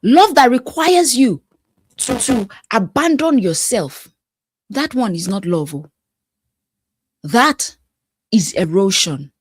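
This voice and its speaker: A woman's voice: fairly high pitch, big pitch swings, slow pace, long pauses, breathy edge, no room sound, studio quality. A woman life coach giving an emphatic motivational talk, repeating phrases with a preacher-like cadence and sometimes dropping to a whisper.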